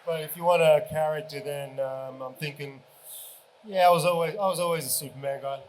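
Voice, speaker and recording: A man's voice: a little high, fairly even intonation, fairly quick, a little hiss or hum, poor audio. A man on a convention panel giving rambling answers full of restarts.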